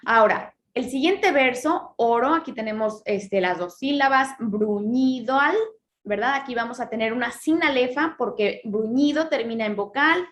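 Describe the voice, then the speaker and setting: A woman teaching Spanish literature, explaining step by step, checking in with her students often, and reading verse slowly when she counts syllables. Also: on the high side, lively intonation, fairly bright tone. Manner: reads verse lines slowly, drawing out syllables. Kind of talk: lesson on poetry.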